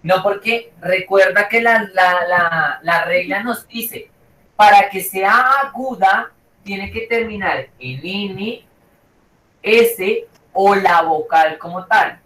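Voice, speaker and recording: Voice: medium pitch, slow, bright, forceful tone, echoey room, far from the mic, rough recording. A teacher giving an online class, repeating each point and checking in with the students again and again. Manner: repeats and checks with "¿cierto?" and "¿listo?".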